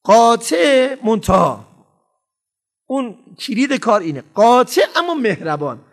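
A man with a high voice delivers a parenting lecture. His pitch swings widely as he makes his points emphatically and acts out parents and children. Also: big pitch swings. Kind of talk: lively lecture to an audience.

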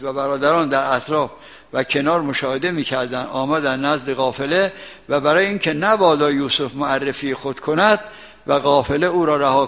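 Older male preacher with a gravelly voice, recites verses and glosses them in plain talk, reverberant hall recording. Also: mid-range voice, fairly bright tone. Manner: recites Arabic verses, then explains them in colloquial Persian. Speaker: Quran commentator. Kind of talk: religious commentary lesson.

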